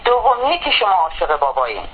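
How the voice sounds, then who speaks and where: Earnest woman guest explaining over a tinny phone line; expressive, low-leaning delivery. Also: a little hiss or hum. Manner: earnest, explaining with repeated questions. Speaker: radio guest. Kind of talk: phone-in radio interview.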